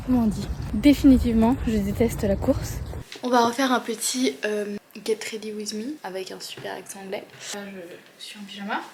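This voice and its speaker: A woman's voice: mid-range voice, fairly quick, darkish tone, a little hiss or hum. An eighteen-year-old woman vlogging in a casual, chatty way, informal and full of fillers and slang. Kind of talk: casual vlog chat.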